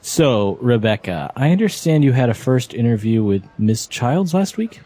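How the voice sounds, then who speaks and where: A man's voice: medium pitch, big pitch swings, normal speed, mellow. A man playing a polite manager who is interviewing a job candidate, speaking formally in a scripted lesson dialogue. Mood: courteous. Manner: courteous, formal.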